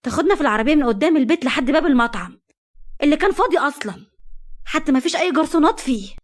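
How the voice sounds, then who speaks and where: Woman doing a sarcastic young wife, Egyptian accent, high voice, fast, mocking. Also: lively intonation, a little mellow. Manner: mocking, exasperated.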